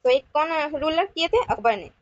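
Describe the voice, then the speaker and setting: A woman teacher solving past exam questions in a lecture, reading questions out slowly and then explaining quickly in mixed Hindi and English, asking viewers to answer. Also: sits high, very animated, slight background noise. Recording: dry, dull lo-fi sound.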